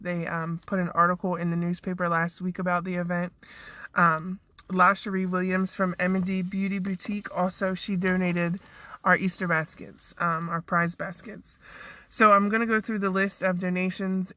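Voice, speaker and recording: A woman's voice: on the low side, fairly bright tone. A woman who is losing her voice, casually recapping her event and thanking sponsors with lots of ums. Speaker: event organizer. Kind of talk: casual live video recap.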